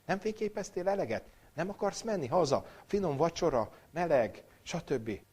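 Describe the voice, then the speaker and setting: A man voicing old rabbis who tease a lingering tourist with quick mocking questions. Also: on the high side, expressive, darkish tone, breathy edge, pitched above the performer's own voice. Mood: teasing.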